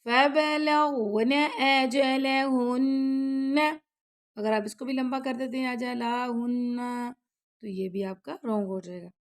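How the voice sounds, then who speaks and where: A woman teaching Quran recitation rules, who chants each verse slowly and loudly and then explains quickly and softly, often checking that the learner follows. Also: mid-range voice, creaky. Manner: checks in with the listener after each rule.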